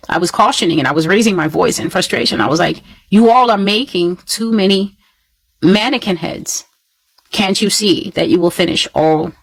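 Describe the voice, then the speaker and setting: A woman's voice: on the low side, dry recording, rough recording. A woman earnestly recounting a prophetic dream, telling it in a repetitive, storytelling way.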